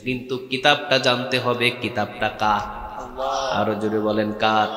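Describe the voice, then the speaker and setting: A man's voice: lowish voice, flat delivery, normal speed. A man preaching a sermon at a large outdoor religious gathering, fervently calling out to the crowd for responses. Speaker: Islamic preacher. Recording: echoey PA sound with long reverb.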